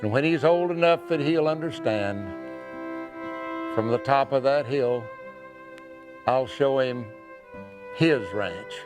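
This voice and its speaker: A man reciting cowboy poetry as earnest, measured storytelling, with dramatic phrasing and pauses. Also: medium pitch. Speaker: cowboy poet. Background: soft acoustic guitar music.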